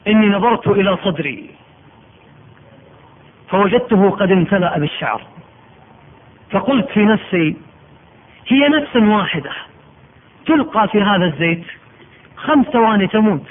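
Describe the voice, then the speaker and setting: A man voicing a steadfast, devout captive who speaks slowly and solemnly. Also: sits high, expressive, narrow, tinny audio, a little hiss or hum.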